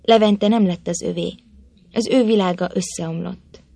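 A woman narrating an old tale with an expressive, measured reading. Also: on the low side, creaky, breathy edge, no echo. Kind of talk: storybook narration.

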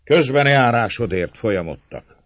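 A man voicing a coarse, mocking male friar who taunts a captive noblewoman, his voice raised, loud and sneering. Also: medium pitch, expressive, no echo, voice pushed up, lightly acted. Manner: taunting, gloating, sneering mockery. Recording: dull lo-fi, dry sound.

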